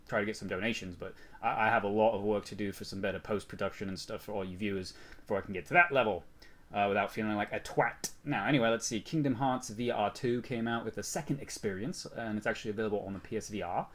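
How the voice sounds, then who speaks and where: A man's voice: on the low side, fast. A man hosting a casual news rundown while sick, rambling and mocking himself, with frequent restarts. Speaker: channel host.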